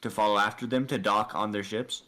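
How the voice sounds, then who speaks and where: A man narrating a tabletop space adventure as game master, in a slow, deliberate way with pauses. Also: lowish voice, steady tone, pushed and bright. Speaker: dungeon master.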